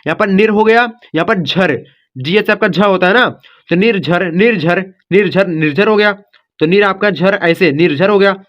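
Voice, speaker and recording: A man's voice: high-pitched, moderate pace, fairly bright tone. A man from India teaching a step-by-step spelling lesson. He talks in a repetitive, coaxing way, checking in after nearly every line. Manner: repetitive, coaxing, says "ठीक" and "बच्चों" often.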